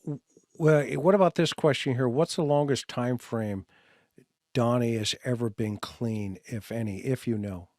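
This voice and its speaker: A man hosting an interview, asking questions in a halting way with frequent restarts. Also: mid-range voice, a little mellow, no room sound, clean studio sound. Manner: halting, with restarts and filler words. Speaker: host.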